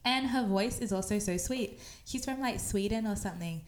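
A woman's voice: medium pitch, normal speed. A young woman, a singer co-hosting a podcast, chatting eagerly with many filler words. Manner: enthusiastic, filler-heavy. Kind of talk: casual chat.

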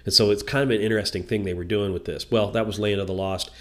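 A man's voice: lowish voice, fairly even intonation, quick pace, a bit bright. A man hosting a casual solo talk, rambling and hesitant, congested with a stuffy nose from a cold. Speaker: podcast host. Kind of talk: casual solo talk about shows and books.

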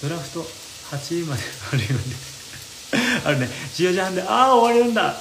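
A man's voice: high voice, animated, fast talker, creaky, heavy background noise. A young man hosting a casual live radio stream while cooking, chatting and answering viewer comments. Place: home kitchen, indoors. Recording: roomy kitchen with loud frying sizzle.

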